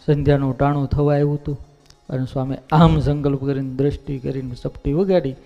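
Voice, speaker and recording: A male monk giving a devotional storytelling sermon, lively and folksy, acting out the characters' voices. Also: medium pitch, a little fast, faint music behind. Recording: dull lo-fi recording.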